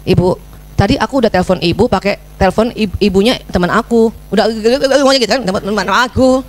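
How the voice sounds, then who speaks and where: A woman's voice: mid-range voice, fast talker, voice pushed down, close to an everyday voice. Woman quoting an earnest young schoolboy. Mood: explaining. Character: young schoolboy explaining himself to his mother.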